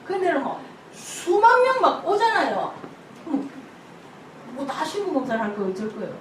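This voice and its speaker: An older woman pastor, preaching an animated sermon full of stories, acting out church members' voices and laughing often. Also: high voice, normal speed. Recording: echoey hall from far off, noisy ambience.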